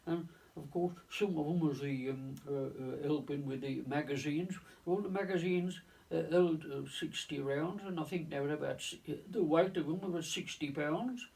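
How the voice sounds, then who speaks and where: A man in his nineties tells his wartime navy memories in halting, restarting phrases, leaning on "of course". His voice is gravelly and slightly raised in pitch. He sits a little away from the microphone. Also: darkish tone. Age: 90s. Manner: halting, with many restarts and repeated words; leans on stock phrases like "of course" and "lo and behold". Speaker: navy veteran recounting wartime service. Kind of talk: oral history reminiscence. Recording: voice distant from the mic.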